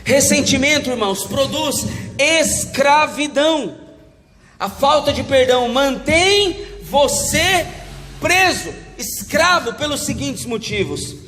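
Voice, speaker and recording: A man's voice: very high-pitched, expressive, takes it slowly, pushed and bright. A male pastor preaching a sermon, acting out little scenes and calling out to the congregation. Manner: preaching with acted-out quotes, calls to the congregation. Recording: echoey hall with faint ambience.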